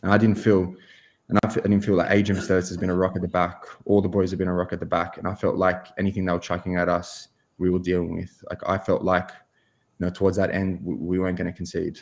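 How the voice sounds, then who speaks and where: A young man, answering interview questions in a halting way, full of fillers and restarts. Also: low voice, monotone. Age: 20s. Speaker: guest goalkeeper.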